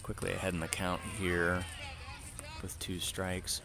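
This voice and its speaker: Low-voiced guy calling a kids ball game, dry jokes, outdoors. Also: completely flat delivery, measured pace, vocal fry. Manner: dry, joking asides between play calls. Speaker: play-by-play announcer. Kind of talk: casual youth baseball commentary.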